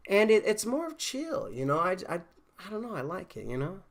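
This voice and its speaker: A laid-back male game streamer rambles through a casual live-stream chat, full of fillers and restarts. His voice sits high and creaky, moves a little fast, and sounds congested from a cold.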